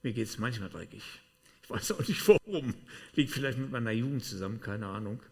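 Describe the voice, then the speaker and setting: A man preaching to his congregation. He swings from loud, pleading outbursts down to soft, hushed asides. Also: mid-range voice, a little fast, gravelly. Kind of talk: sermon.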